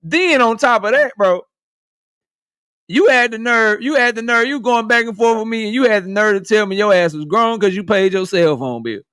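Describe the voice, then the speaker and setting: A man's voice: high-pitched, moderate pace, bright, forceful tone, clean tone, no room sound, studio quality. A man in his thirties hosting a casual live stream, joking and roasting his viewers, laughing often. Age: 30s.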